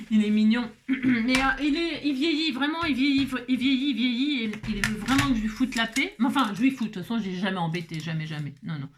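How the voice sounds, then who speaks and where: This woman's voice sits on the high side, expressive and fairly quick, with noise in the background. Demonstrating a craft step by step at home, she talks casually, keeps checking in with whoever's watching, and thinks aloud with lots of fillers.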